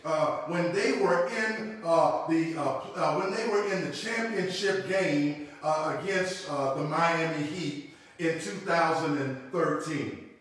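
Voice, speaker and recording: A man's voice: a little high, slow pace, fairly bright tone. A middle-aged man preaching a sermon at a lectern, repeating key lines and calling out to the congregation. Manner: preaching with call-outs and repetition, sweeping gestures. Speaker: pastor. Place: church room with logo backdrop, standing at a lectern. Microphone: far camera. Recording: echoey room, mic far off.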